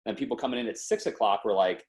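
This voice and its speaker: Speaking fast in a lowish voice, this twenty-something podcast guest recounts his story casually, full of slang and energy. He acts out other people's lines as he goes.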